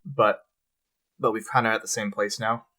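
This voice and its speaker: A man co-hosting a podcast in casual chat, relaxed and swearing freely. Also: on the low side, normal speed. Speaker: podcast co-host.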